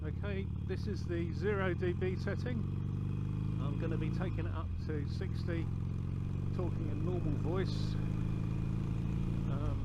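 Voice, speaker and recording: A man talking through a motorbike helmet intercom microphone while riding on the open road, calmly reading out his settings and speeds. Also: on the high side, unhurried, pauses often. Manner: matter-of-fact, repeats settings and speeds. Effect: motorbike helmet intercom sound. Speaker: motorcyclist testing helmet audio gear. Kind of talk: casual running commentary while riding. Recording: loud wind and engine noise through helmet mic.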